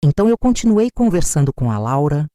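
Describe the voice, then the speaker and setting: An older woman with a Brazilian accent narrates a dramatic first-person story. Her low, mellow voice swings widely in pitch as she stresses each moment. The recording is dry and close. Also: sing-song, brisk, no echo. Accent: Brazilian Portuguese. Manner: dramatic, tense, emphatic.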